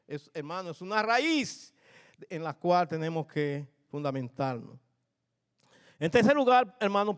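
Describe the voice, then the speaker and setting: An older man, a pastor, preaches a sermon in church with a slightly high, clean-toned voice. He tells family stories in a lively, humorous storytelling style and asks the congregation questions directly.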